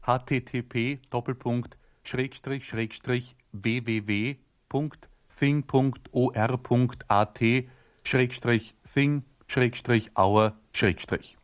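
A man makes a scripted announcement in a medium-pitched voice. He goes slowly and spells everything out with care. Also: fairly even intonation. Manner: spelling out carefully.

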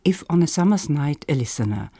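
A man's voice: a little high, animated, fairly quick, gravelly, warm tone. A man presenting a radio programme from a script.

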